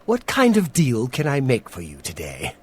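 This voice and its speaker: A man's voice: mid-range voice, wildly swooping pitch, moderate pace, slight background noise. A man voicing a cheerful male shopkeeper in a fantasy game who sells magic staffs, with an upbeat, salesy, sing-song manner, heard as game audio from a distance.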